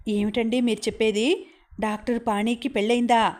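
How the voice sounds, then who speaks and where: A woman voicing a young man who reasons calmly and soothingly. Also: fairly high pitch, moderate pace, close to an everyday voice.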